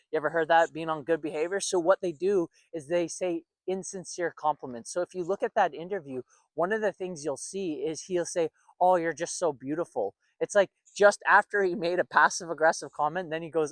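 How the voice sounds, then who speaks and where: A man's voice: on the high side, a bit bright, no room sound. Emphatic man giving relationship advice. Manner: conversational, repeats phrases, emphatic asides. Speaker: relationship coach. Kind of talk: casual advice monologue.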